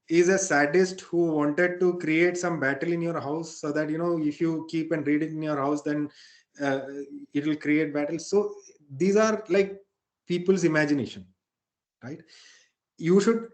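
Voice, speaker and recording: A man explaining scripture informally as a spiritual teacher, often checking in with a short questioning tag. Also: a little high. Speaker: spiritual teacher leading a satsang.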